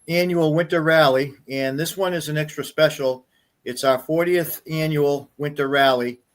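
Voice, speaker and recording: Man, casual guest, hesitant delivery, mid pitch. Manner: halting, many fillers. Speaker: snowmobile club guest. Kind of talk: casual chat.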